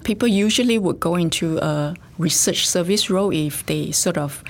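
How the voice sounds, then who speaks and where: A lowish-voiced woman speaking at a moderate pace, she is a middle-aged Singaporean scientist and facility director. She chats thoughtfully in a casual interview, with plenty of fillers and restarts.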